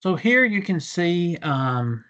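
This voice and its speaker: A man presenting a software demonstration in a measured, businesslike, explanatory way. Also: high-pitched, big pitch swings, highs cut off. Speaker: product demonstrator.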